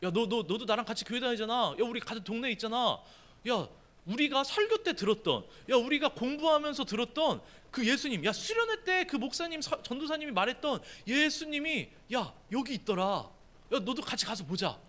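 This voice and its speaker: A man's voice: high voice, lively intonation, brisk, a bit bright. A man preaching a sermon, voicing an eager young man who keeps calling out to his skeptical friend to come and see.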